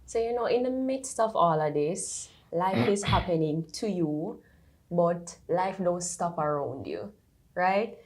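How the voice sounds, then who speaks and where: A woman interviewing a guest, asking questions gently with a touch of patois. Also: lowish voice, expressive, slow pace. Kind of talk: podcast interview.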